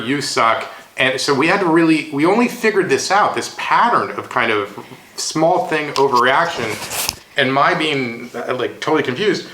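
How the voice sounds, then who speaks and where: A man's voice: mid-range voice, pushed and bright. A middle-aged American man chatting casually about relationships, thoughtful and a bit hesitant, with frequent fillers. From United States. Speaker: co-host. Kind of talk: casual advice chat. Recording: roomy echo.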